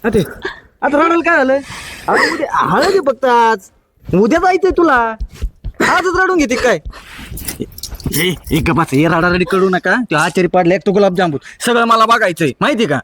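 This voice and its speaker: A man's voice: high-pitched, a little fast, hardly any pauses, a bit bright. A man playing a bossy elder brother. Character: bossy elder brother busy running a wedding. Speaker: actor in a village comedy.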